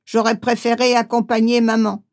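A woman reading a first-person memoir aloud, gently, acting out the voices she quotes. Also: fairly high pitch, monotone, normal speed. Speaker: audiobook reader.

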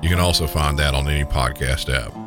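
A man with a deep Southern US accent, hosting a podcast in scripted true crime narration. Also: fairly quick. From southern United States. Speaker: podcast host. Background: guitar music.

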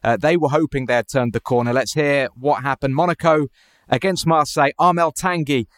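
A man's voice: fairly high pitch, steady tone, brisk, a little hiss or hum. A man hosting a football podcast in a conversational presenting style. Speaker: podcast host.

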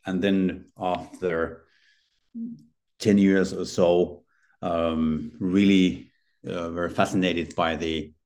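Low and darkish in tone, the Finnish man speaks hesitantly as a guest on a podcast, stumbling through fillers and false starts. He's middle-aged, works as a healthcare consultant, and the interview is casual.

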